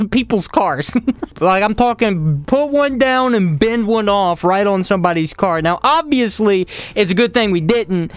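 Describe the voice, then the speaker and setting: Young male vlogger from the American South, scattered, restart-heavy delivery, slightly high, clean voice. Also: expressive, measured pace, clean tone, soft background music. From Southern United States. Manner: rambling and jumpy, with many restarts. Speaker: YouTuber. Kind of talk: casual vlog monologue.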